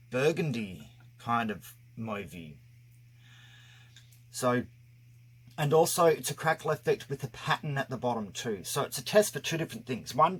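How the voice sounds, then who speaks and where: A man hosts a casual craft tutorial with his mouth covered by a mask, so his words come out muffled. His voice is husky, and he explains each step at a slow, unhurried pace. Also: mid-range voice, fairly bright tone. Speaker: craft video host. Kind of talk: casual hands-on tutorial narration.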